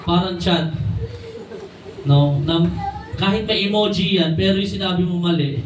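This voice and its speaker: A young Filipino man preaching a sermon to his congregation, often calling them brothers and sisters and slowing down for key English phrases. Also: high voice, a crowd in the background. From Philippines. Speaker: church preacher. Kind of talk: sermon mixing Tagalog and English. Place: church hall. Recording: echoey room from a distant mic.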